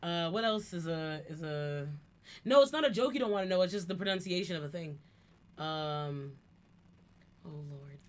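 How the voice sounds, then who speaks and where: A woman's voice: lowish voice, expressive, normal speed. A woman chatting casually on a live stream in an explanatory, teasing way, with some background noise. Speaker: streamer, co-host. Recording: background noise and room ambience.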